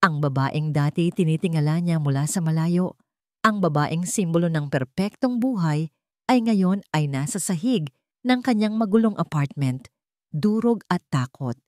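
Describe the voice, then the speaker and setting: A woman with a Filipino accent narrates a scripted, dramatic story in a low, expressive, slightly mellow voice at normal speed. The recording is clean studio sound with no room sound.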